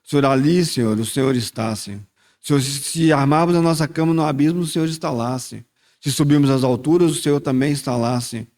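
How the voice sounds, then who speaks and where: A man's voice: medium pitch, fast talker, darkish tone. A man giving a short communion sermon, then praying aloud and repeating "Lord" often, in a reflective tone. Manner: reflective, repeats "Senhor" in prayer. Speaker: church leader at communion. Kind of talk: sermon and spoken prayer.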